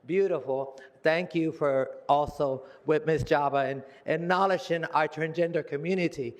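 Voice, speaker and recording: A man's voice: on the high side, moderate pace. A man in his seventies giving a rambling public comment at a city council meeting, repeating himself and trailing off. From United States. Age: 70s. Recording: long reverb of a council chamber.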